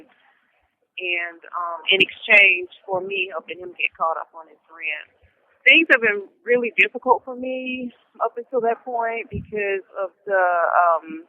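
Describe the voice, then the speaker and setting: Woman on a tinny prison phone line. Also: fairly low pitch. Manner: halting, hesitant, many pauses and restarts. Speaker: interviewee, incarcerated woman. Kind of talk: recorded phone interview.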